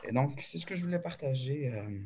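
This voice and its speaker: Québécois man telling a story, halting. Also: mid-range voice, animated, darkish tone, a little hiss or hum. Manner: agitated, halting storytelling with many restarts. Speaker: caller. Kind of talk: call-in confession.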